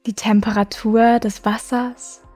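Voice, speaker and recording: Soft, even-voiced woman guiding a meditation. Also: on the high side. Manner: soft, slow, soothing delivery with long pauses. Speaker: meditation podcast host. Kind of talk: guided meditation. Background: music.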